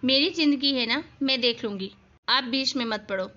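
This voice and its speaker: Give me a woman playing a hot-tempered spoiled young cartoon daughter, high-pitched and bossy, on a slightly muffled recording. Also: normal speed, background noise, natural voice. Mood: angry. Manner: snapping, bossy, shouting. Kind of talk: animated cartoon voice acting.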